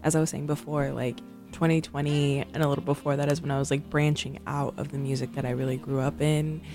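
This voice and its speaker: A young woman with a low voice hosts a radio show, chatting loosely between tracks. She rambles and fills her talk with ums and likes, and faint music plays behind her. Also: level tone, fast. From San Francisco. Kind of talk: casual radio chat between songs.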